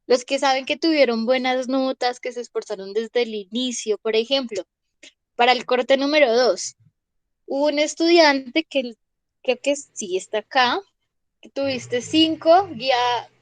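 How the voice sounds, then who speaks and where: Slow woman teaching English. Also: fairly high pitch, dry recording. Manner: slow, repeats each word and asks "¿listo?". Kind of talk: online class, reading a vocabulary list.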